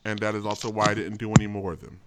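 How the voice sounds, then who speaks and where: A man's voice: fairly low pitch, little pitch movement, very fast. A man hosting a comedic chat show, joking in a sarcastic, bantering way. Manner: sarcastic, jokes in a mock baby voice. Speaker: podcast host.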